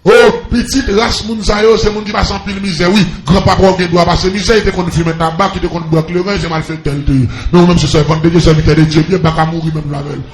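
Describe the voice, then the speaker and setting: High, gravelly Haitian preacher in an echoing church. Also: male voice, steady tone, fast, hardly any pauses, soft background music. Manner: impassioned preaching with call-outs to the congregation. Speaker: preacher giving a testimony. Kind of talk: preached testimony.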